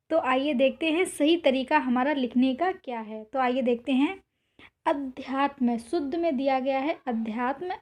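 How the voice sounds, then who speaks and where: A woman with a high voice runs an exam-prep spelling lesson. She draws each word out slowly and says it more than once. She keeps telling her students to remember it. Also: a little mellow. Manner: repetitive, drawn-out spelling of words; reminds students again and again. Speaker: teacher.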